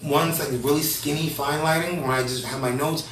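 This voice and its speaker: A man in his thirties hosting a casual talk show, energetic and rambling, often restarting his sentences. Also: fairly high pitch, moderate pace, roomy sound, recorded from a distance, poor audio. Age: 30s. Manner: energetic, rambling, self-correcting. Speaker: host.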